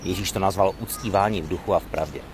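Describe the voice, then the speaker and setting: A man giving a devotional sermon and reading scripture aloud in an earnest, measured way. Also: low voice, slight background noise. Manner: earnest, measured reading with lively rises and falls. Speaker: preacher.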